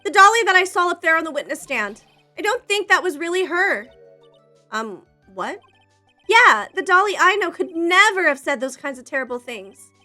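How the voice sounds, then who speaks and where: A woman's voice: very high-pitched, big pitch swings, normal speed, pushed and bright, faint music behind, voice pushed up, heavily acted. A woman voicing a naive, earnest young male college student, speaking eagerly and with hesitant stammers.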